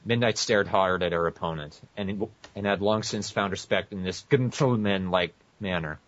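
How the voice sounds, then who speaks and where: This podcast co-host's deep voice, a bit bright, moves at a normal speed as he reads fan fiction aloud and tosses in casual remarks. He keeps tripping over his words and correcting himself, captured in muffled, echoey lo-fi sound.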